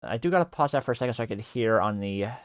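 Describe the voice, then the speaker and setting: A male streamer chatting casually on a livestream while working on 3D art, speaking haltingly with many fillers and half-finished sentences. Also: mid-range voice, animated, no room sound, clean studio sound.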